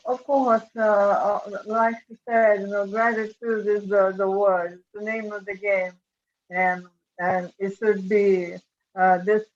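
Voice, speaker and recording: Slow, hesitant woman with a flat voice. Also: medium pitch, highs cut off. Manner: hesitant, many filler sounds. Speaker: guest. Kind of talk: informal video-call conversation. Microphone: video call.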